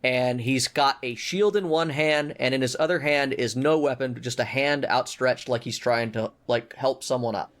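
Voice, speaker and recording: A man's voice: mid-range voice, normal speed, hardly any pauses, a bit bright. A man narrating a tabletop game as game master, casual and full of self-corrections.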